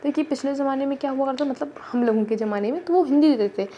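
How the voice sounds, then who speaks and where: A woman's voice: sits high, fast, warm tone, lo-fi sound, slight background noise. A woman teaching an exam-prep lecture, speaking with an Indian accent. She repeats key points and keeps checking in with her listeners.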